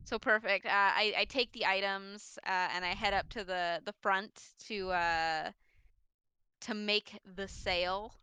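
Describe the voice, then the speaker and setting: Bright, clear-voiced woman playing a tabletop game. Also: mid-range voice, steady tone, a little slow, dry recording. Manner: laid-back, laughing, lots of fillers. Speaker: player. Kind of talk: tabletop role-play, casual chat.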